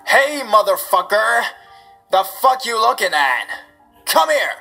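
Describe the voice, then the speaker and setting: Man acting out a raving, bellowing street vagrant: shrill, drawn-out, cursing yells with a sharp edge. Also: sing-song, vocal fry, soft background music, heavily acted. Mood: enraged. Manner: yelling profanity, shrill and drawn out. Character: half-naked screaming street vagrant man.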